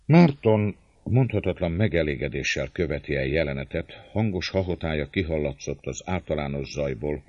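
A man narrating a historical novel in measured, expressive storytelling. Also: a bass voice, no room sound. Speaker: audiobook narrator. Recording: dull lo-fi, dry sound.

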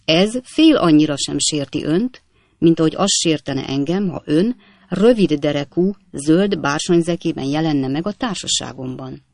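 A portly elderly club president, stiffly formal and indignant, peppering every sentence with a clipped "sir", as a male audiobook reader puts him on. His voice has a gravelly grain, recorded dry and close. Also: on the high side, expressive, a little mellow, dry recording. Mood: indignant, stern. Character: stout elderly gentleman club president, stern then kindly.

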